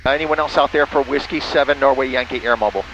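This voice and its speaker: A bright-voiced, medium-pitched man talks fast as a pilot and amateur radio operator narrating a flight in a small airplane. The in-flight narration and radio calls are casual, and he spells callsigns phonetically. The sound is lo-fi, with faint engine noise.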